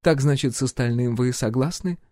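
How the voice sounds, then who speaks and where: A man's voice: medium pitch, fairly quick, darkish tone, dry recording, clean studio sound, voice pushed up, lightly acted. A man voicing a proud, imperious middle-aged empress who presses her demands with cool politeness and insistent force. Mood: coolly insistent. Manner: insistent, commanding, coolly polite.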